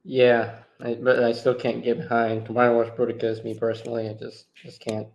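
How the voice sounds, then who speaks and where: A man's voice: mid-range voice, monotone, brisk, creaky, a little mellow, muffled recording. A man hosting a live discussion, talking casually in a laid-back way and breaking into laughter easily. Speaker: channel host.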